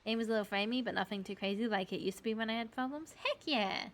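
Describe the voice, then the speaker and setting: A woman's voice: a little high, quick pace. An Australian woman doing casual livestream commentary while she plays a game. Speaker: livestreamer, VTuber. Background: music.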